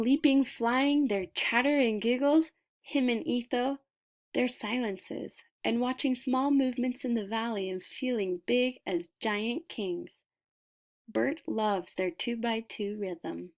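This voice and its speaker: A woman reads a children's picture book aloud with lots of expression, her voice pitched a little high. She takes it slowly and deliberately, leaning on dramatic pauses and emphasis.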